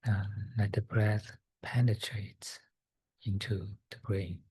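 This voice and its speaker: A man softly guiding a breathing meditation, slow and soft-spoken with long pauses and fillers. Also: fairly low pitch, fairly even intonation, slightly rough, no echo. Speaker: meditation guide.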